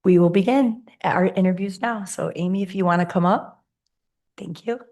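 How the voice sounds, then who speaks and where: A hoarse woman with a raspy, somewhat low voice runs a formal city commission meeting. She speaks into a table microphone in a meeting room and moves through the agenda with small fillers and quick asides. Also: a little mellow. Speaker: mayor chairing a commission meeting.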